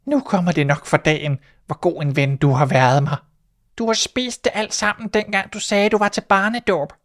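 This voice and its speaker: A man putting on a squeaky timid storybook mouse. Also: a bit bright. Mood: dismayed. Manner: high, squeaky and startled. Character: timid little female mouse, homely and trusting.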